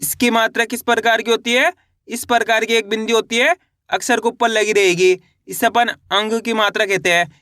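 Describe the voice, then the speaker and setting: A man teaching reading in a video lesson, drilling each sound with repeated questions and slow model words. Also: high-pitched, little pitch movement, sharp tone, no echo, clean studio sound. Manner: repetitive call-and-response drilling, drawn-out model words. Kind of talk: classroom-style video lesson.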